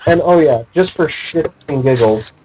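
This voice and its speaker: A man's voice: on the high side, normal speed, muffled recording, a little hiss or hum. A man playing a tabletop game over voice chat, describing his character's wrestling moves with lots of restarts. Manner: excitable, stumbling restarts while describing moves. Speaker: player. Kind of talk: casual tabletop game play.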